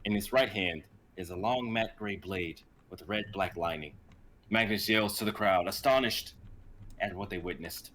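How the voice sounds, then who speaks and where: Reading an amateur fantasy script aloud with dramatic flair, this young man speaks at a moderate pace in a fairly low, fairly bright voice. There's faint background noise, as is typical of a live stream.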